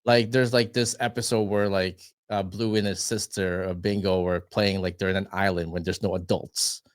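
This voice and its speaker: A man's voice: low voice, level tone, normal speed, no echo. A young man chatting casually on a podcast, rambling and tagging his points with "right?". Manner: rambling, tags lines with "right?" and swears casually.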